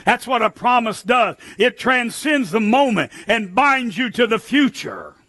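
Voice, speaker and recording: An older American man preaching a sermon in an animated, emphatic way, with sudden shouted lines and a slightly husky voice. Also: very high-pitched, measured pace. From United States. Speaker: pastor.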